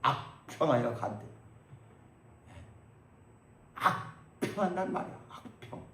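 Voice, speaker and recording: A man in his sixties preaching a sermon as pastor, swinging between loud exhortation and quiet asides and acting out prayers. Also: medium pitch, lively intonation, slow, echoey room, slight background noise. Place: church sanctuary.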